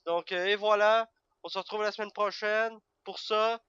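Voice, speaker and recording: A young man giving casual gameplay commentary, excitable and breaking into sudden loud outbursts and cursing. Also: high-pitched, normal speed, clean tone, no echo, lo-fi sound. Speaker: gaming video creator.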